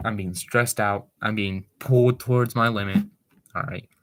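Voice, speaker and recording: Speaking into a computer microphone from a room at home, a young man from Maryland live-streams casual chat, talking fast and rambling excitably. His voice is lowish, with slight background noise.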